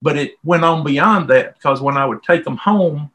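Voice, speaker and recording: A middle-aged man with a Southern US accent talks at a moderate pace in a slightly high, slightly bright voice. He's a volunteer interviewee, recounting his own experiences in a chatty, down-home style.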